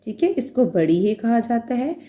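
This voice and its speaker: A woman's voice: fairly high pitch, very animated, normal speed, warm tone. A woman teacher giving a patient beginner lesson, naming letters one at a time and checking in often. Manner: spells out letters one by one, checks in with "theek hai". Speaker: Urdu teacher.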